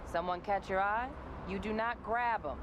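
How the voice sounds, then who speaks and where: An actress playing a cheeky, slangy nightclub bouncer touting to customers in a video game. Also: female voice, medium pitch, moderate pace, lo-fi sound, background noise, natural voice. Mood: cocky, teasing. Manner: slangy, teasing. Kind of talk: video game character dialogue.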